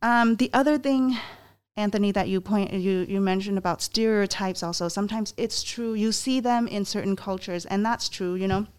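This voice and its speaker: A woman from Myanmar in her twenties, a panel guest telling a personal story in an earnest, halting way with many restarts. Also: medium pitch, darkish tone, smooth.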